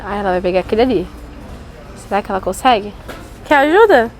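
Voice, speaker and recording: A woman filming a casual vlog on her phone in a supermarket aisle, talking excitedly with playful mock alarm. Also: medium pitch, fairly quick. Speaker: mother filming a family outing. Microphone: handheld phone camera. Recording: noisy store ambience.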